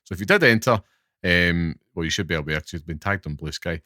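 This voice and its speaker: Man, thick Glaswegian accent, deep voice, podcast host, interviewing, dry close sound. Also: brisk, sharp tone, no room sound. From Glasgow, Scotland.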